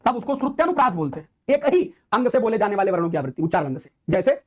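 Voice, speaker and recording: A woman teaches a grammar lesson in a mid-pitched voice. She explains with everyday examples and keeps asking rhetorical questions. She drives each key point home by repeating it with emphasis. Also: very animated, very fast. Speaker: Hindi literature teacher. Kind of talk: classroom-style grammar lesson.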